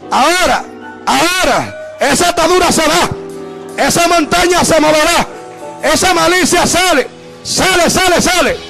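At a church revival service with music playing behind him, a male evangelist preaches in an extremely high, creaky voice with a sharp tone. He's fervent, calling out to the congregation again and again, with bursts of speaking in tongues.

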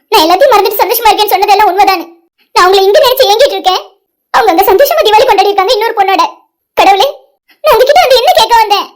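A woman voicing a heartbroken young woman betrayed by her lover, tearful and pleading. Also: very high voice. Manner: tearful, pleading, slow when grieving. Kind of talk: amateur cartoon voice acting.

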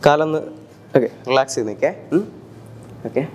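A man works a crowd outdoors as a street mentalist, guiding volunteers in a calm, coaxing tone. His voice sits at an ordinary middle pitch. Clear street noise runs behind him. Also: a little fast. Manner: calm, coaxing, repeats soothing instructions. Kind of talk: street performance patter with spectators. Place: outdoors in public.

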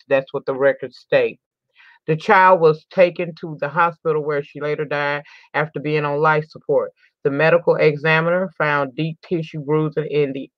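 A woman with a deep voice hosts a crime news channel, reading an article aloud and adding emphatic, indignant commentary, repeating words for stress. She occasionally stumbles and restarts. The recording is dry, dull, and lo-fi.

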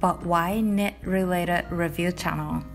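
A young woman from Japan with a Japanese accent, narrating her knitting vlog in a calm, gentle, chatty way; English is not her first language. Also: on the low side, slow, soft background music. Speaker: knitting vlogger. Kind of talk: voice-over narration.

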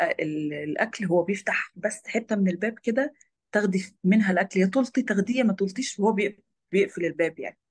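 A woman's voice: on the low side, a little mellow. A young woman with an Egyptian Arabic accent, a former lawyer turned photojournalist, recounting her own experiences as an interview guest. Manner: rapid, tumbling storytelling.

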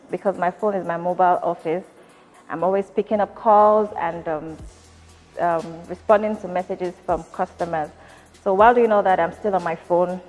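A Nigerian company founder in her thirties answers interview questions indoors at a factory, sounding measured and thoughtful and using frequent fillers. Her voice is on the low side with a darkish tone, and the audio has a big-room sound.

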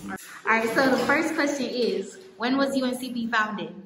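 A young woman casually quizzing students outdoors, teasing and quick to laugh. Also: fairly high pitch, echoey room, background noise. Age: young adult. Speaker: street interviewer. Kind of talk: casual campus quiz interview. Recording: crowd chatter behind.

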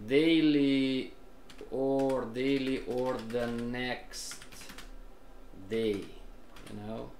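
A man with a mid-range voice teaches a live online trading class, over and over questioning and prompting his students as a group. He is repetitive and addresses everyone often. The sound is roomy, with slight background noise.

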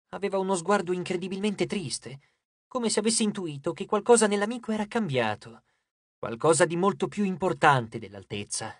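An audiobook narrator reading a fantasy novel in a measured, expressive storytelling manner. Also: medium pitch, husky, dry recording, studio quality.

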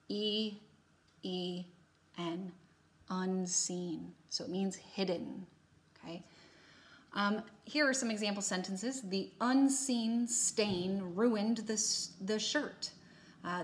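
A woman teacher records a vocabulary lesson for her class, taking it at an unhurried pace. She sounds upbeat and patient, at a middle pitch, and spells each word out letter by letter. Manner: slow, deliberate, spelling words out letter by letter; upbeat, turning briefly animated on example lines.

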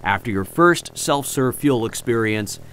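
Guy narrating a how-to lesson, clear and instructive, lively up and down pitch. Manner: clear, instructive, measured delivery. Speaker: flight training narrator. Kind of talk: scripted voice-over narration.

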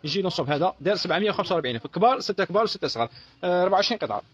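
A man running a live sales pitch as a shop seller, repeating each price over and over. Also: lively intonation, racing, husky, lo-fi sound.

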